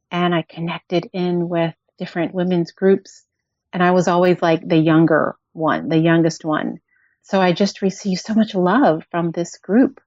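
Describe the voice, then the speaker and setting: A woman in her forties, a podcast guest, talking in a thoughtful, soft-spoken and personal way. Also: on the low side, no room sound. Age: 40s. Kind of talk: reflective conversational storytelling. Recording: dull dry lo-fi audio.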